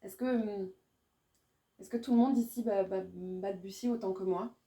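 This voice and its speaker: A poet, a woman, giving a live reading of her poetry in a rhythmic, repetitive way, her voice swinging from loud bursts to hushed lines. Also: mid-range voice, fairly even intonation, normal speed. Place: small indoor venue.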